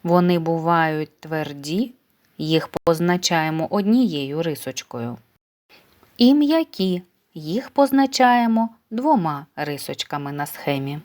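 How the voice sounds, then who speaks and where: Slow, patient woman teacher. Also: deep voice, animated, a little mellow. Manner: patient, careful, uses diminutives for children. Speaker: primary school teacher. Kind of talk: slow, clear dictation lesson for first graders.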